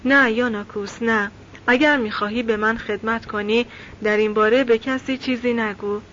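A calm, devout young villager who answers with quiet certainty, read by a woman narrating a novel. His voice sits a little high. The recording is slightly muffled, with a faint hiss behind it. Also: lightly acted. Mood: calm insistence.

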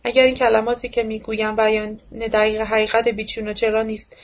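A theatrical older man in full declamatory rage, throwing accusations and lofty insults, as a woman reading a novel puts him on. The voice sits fairly high and moves in a narrow, insistent band. The recording is dull and lo-fi. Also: level tone, natural voice. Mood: outraged.

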